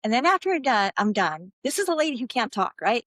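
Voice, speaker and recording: Mid-age woman telling a faith story, bit high voice, dry close mic, earnest. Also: very animated, fairly bright tone, no echo. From Santa Barbara, US. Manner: heartfelt, storytelling, slows for emphasis. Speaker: podcast guest. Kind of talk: personal faith testimony.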